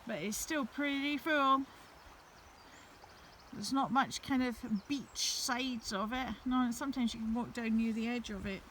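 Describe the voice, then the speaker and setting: A woman with a fairly high voice talks to her viewers in a relaxed, chatty way as she strolls through woods beside a river. Faint outdoor ambience sits under her voice. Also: unhurried, slight background noise. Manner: chatty, gentle, talking to viewers while walking. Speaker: vlogger. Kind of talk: casual walking vlog narration.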